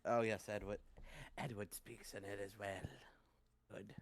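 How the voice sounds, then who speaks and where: A man's voice: fairly low pitch, level tone, measured pace, vocal fry, no echo. A man set to narrate a group reading, joking and swearing when interrupted. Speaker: reader and narrator. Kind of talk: casual chat before reading.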